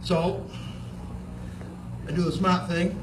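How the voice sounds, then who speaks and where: A man with a fairly high voice spins a folksy, humorous yarn in the manner of a moose-calling contestant. He is recorded from a distance outdoors at a fair, with echo and clear background noise. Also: flat delivery, takes it slowly. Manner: folksy, second-person yarn-spinning. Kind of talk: humorous storytelling with moose call demonstrations.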